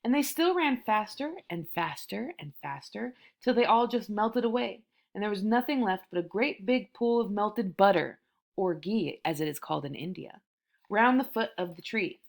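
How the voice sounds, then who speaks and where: A woman's voice: medium pitch, expressive, moderate pace, creaky. A young woman reading a children's story aloud and breaking off for amused, chatty asides.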